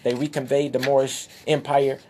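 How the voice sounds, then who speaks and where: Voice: medium pitch, flat delivery, moderate pace, a little mellow, slight background noise. Impassioned speaker, preachy and emphatic. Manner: preachy, emphatic, exclaims at times. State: out of breath. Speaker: speaker addressing followers. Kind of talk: impassioned monologue showing documents.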